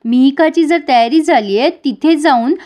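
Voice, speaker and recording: A woman voicing a calm grown daughter who gently persuades her mother. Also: sits high, normal speed, lightly acted. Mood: persuasive.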